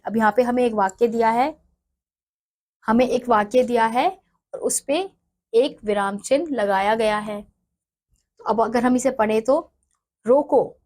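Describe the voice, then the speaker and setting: A woman's voice: on the high side, darkish tone. A woman teacher reading from a textbook and then explaining it in her own words, often going back to repeat or correct herself. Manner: self-correcting, repeats phrases.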